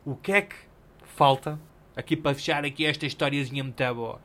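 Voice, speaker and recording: A young man with a European Portuguese accent, telling a story on his solo podcast in animated, slangy and self-mocking casual chat. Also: medium pitch, fairly quick. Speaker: podcast host.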